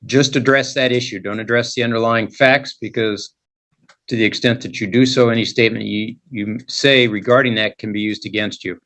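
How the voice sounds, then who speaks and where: A man's voice: medium pitch, fairly even intonation, a bit bright. Formal American man presiding as judge. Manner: measured, formal, plain-spoken. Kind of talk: courtroom proceeding, explaining rights and procedure. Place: court hearing held over video call.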